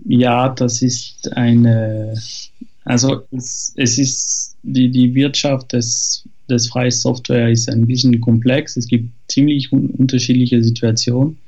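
A man with a French accent speaks as a podcast guest, hesitating often and restarting his sentences. His voice is dark and mellow. The audio is slightly dull and lo-fi. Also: medium pitch, little pitch movement, slow. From France. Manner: hesitant, many fillers and restarts. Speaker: guest, software developer. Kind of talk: casual podcast interview.

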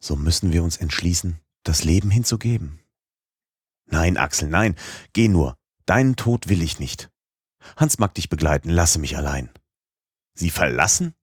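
A man's voice: deep voice, lively intonation, moderate pace, breathy edge, no echo, studio quality. A man voicing a stern, obsessive old professor in an audiobook, harsh and threatening in tone. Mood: stubborn. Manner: harsh and threatening, with gentle moments.

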